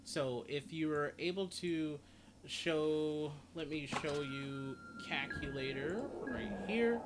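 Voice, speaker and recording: This gaming guide creator's voice is on the high side and slow as he casually explains a video game and reads off stats. Behind him, game sounds and ambience are clearly audible.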